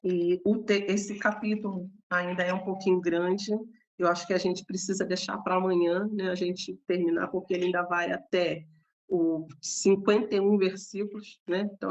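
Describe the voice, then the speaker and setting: A woman with a Brazilian accent giving a gentle, conversational Bible devotional, often adding tag questions. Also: on the low side, flat delivery, normal speed, dull audio. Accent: Brazilian Portuguese.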